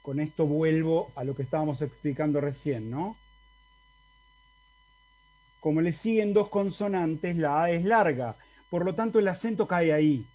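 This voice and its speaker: A man's voice: on the high side, moderate pace, dark tone. A man with an Argentine accent teaching a university Latin class over a video call, explaining step by step and often checking in with his students. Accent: Argentine Spanish. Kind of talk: university lecture.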